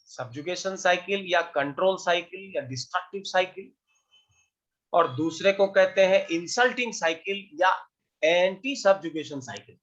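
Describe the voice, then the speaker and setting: A man teaching an acupuncture class, quizzing his students with quick questions and mixing Hindi with English. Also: high-pitched, a bit bright, dull audio. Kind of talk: online class lecture.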